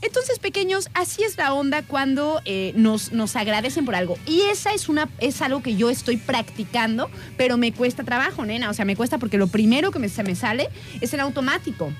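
A woman's voice: high voice, sing-song, brisk, soft background music. A woman with a Mexican accent co-hosting a show, playful and chatty in casual conversation. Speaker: co-host. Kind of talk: casual chat.

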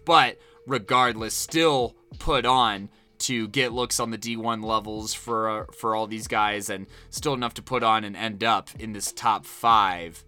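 A man's voice: lowish voice, pushed and bright, clean tone. An American man giving casual sports analysis as a co-host, talking discursively and piling up points.

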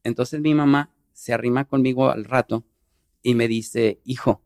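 A middle-aged man, a podcast guest telling an emotional personal story earnestly, in fast bursts. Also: mid-range voice, fairly even intonation, a little mellow.

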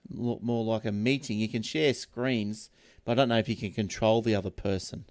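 A man's voice: lowish voice, steady tone, moderate pace, darkish tone. Easygoing Australian man chatting. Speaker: host of a tech talk show. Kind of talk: casual unscripted chat.

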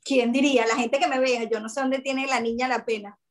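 A Venezuelan woman chatting as an interview guest, telling stories in an expressive, animated way and acting out what others said. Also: on the high side, a little fast. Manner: expressive, animated storytelling with quoted voices. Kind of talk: casual chat.

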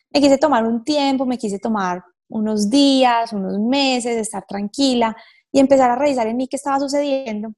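A woman, a wellness therapist and mother, telling her personal story as a guest. She speaks earnestly, with many fillers and slowed pauses. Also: a little high, a little mellow.

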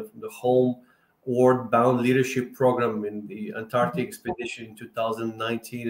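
A man hosting a podcast interview, speaking hesitantly with many restarts. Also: mid-range voice. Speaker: podcast host. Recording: echoey room.

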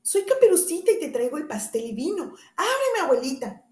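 A woman's voice: big pitch swings, brisk, darkish tone, reverberant. A woman doing a wide-eyed little girl. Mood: sweet. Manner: high, childlike and wide-eyed.

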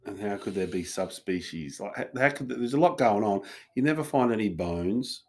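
A woman's voice: very deep voice, animated, moderate pace, darkish tone. An Australian woman co-hosting a podcast, skeptical and teasing in casual chat. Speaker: podcast co-host.

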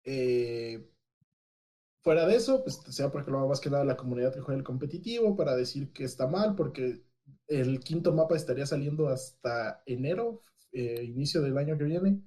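A man's voice: mid-range voice, fairly quick, warm tone. A man giving a casual, hesitant, explanatory gaming news report as a podcast co-host.

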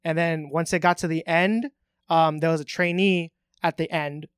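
A man's voice: on the high side, fairly even intonation, normal speed, clear, resonant tone, no echo, clean studio sound. A young man telling a work story in casual podcast chat, swearing and acting out quotes. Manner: storytelling, acts out customer quotes, swears freely. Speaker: podcast guest.

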